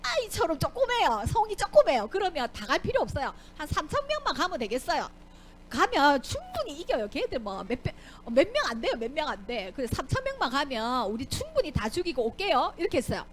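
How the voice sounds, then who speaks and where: A woman's voice: sits high, wildly swooping pitch, quick pace. A young woman teaching Sunday school, telling a Bible story to children, asking them questions and acting out the characters' lines.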